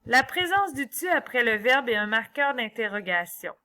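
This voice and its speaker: A woman's voice: a little high, big pitch swings, normal speed, pushed and bright. A woman, explaining an online exercise step by step as a teacher and thinking aloud as she goes. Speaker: French teacher. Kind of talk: tutorial walkthrough of an online exercise.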